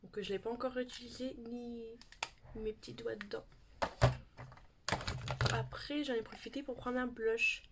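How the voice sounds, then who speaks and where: A woman's voice: fairly high pitch, fairly even intonation, normal speed, long pauses, heavy background noise. A woman in her thirties chatting casually as she shows her beauty purchases in a home video. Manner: chatty, showing products to camera. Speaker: beauty YouTuber. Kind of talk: casual haul vlog.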